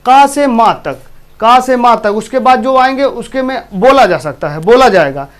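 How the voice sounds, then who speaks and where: Male teacher, eastern Uttar Pradesh accent; high, clean voice; repeats himself and questions the class. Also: normal speed, fairly bright tone. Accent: Hindi, from eastern Uttar Pradesh. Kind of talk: classroom lesson.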